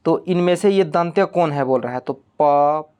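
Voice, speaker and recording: Exam-prep tutor, mid-pitched, patient, repetitive, walks through each point with frequent check-ins. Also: brisk, darkish tone, clear, resonant tone. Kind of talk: recorded online exam-prep lesson.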